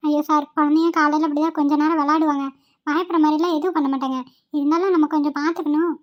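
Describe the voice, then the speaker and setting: A young woman voices a kind, courteous cartoon character who cares for children and calms those around her. Her high, level voice comes quickly and sounds fairly everyday, with a lo-fi quality. The mood is gentle.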